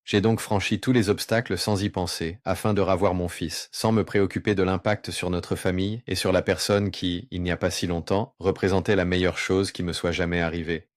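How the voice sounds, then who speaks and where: A man whose voice is pitched down very deep to disguise it, earnestly and remorsefully telling his personal testimony. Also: flat delivery, no echo, studio quality. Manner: earnest, remorseful, with pauses and slow stretches. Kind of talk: confessional first-person testimony.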